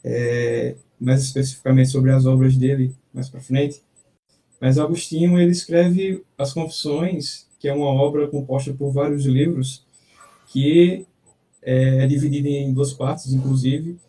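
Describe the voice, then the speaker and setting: A man, a guest in a casual conversation, speaking thoughtfully and haltingly over a video call with a strong echo. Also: mid-range voice, steady tone, dark tone. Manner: thoughtful, halting, repeats words while searching. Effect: strong echo from the call audio. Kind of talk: casual conversation about philosophy. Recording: echoey, distant video call audio.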